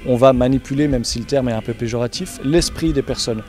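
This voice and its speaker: A man explains his work as a mentalist in a conversational interview. His pitch is average for a man, and music plays softly behind him. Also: brisk. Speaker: mentalist magician.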